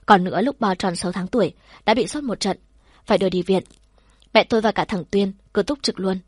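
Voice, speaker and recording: A woman tells a first-person story in a soft, measured and heartfelt manner. Her voice sits at an ordinary middle pitch with a husky, breathy grain. The recording is dry and close, with no room sound. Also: no echo.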